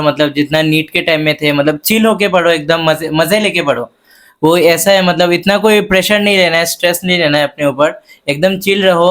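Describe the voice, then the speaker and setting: A young man answers interview questions in an easygoing, halting way. His voice is fairly high, and he pads his points with fillers and friendly asides. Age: young adult. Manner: relaxed, hesitant, many fillers, friendly "bhai". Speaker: medical student guest. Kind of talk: casual interview chat.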